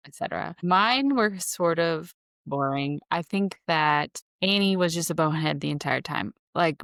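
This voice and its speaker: A woman's voice: sits low, vocal fry, clean tone, dry recording, clean studio sound. A woman in her thirties co-hosting a podcast, chatting casually and giving blunt opinions. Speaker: podcast co-host. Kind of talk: casual chat.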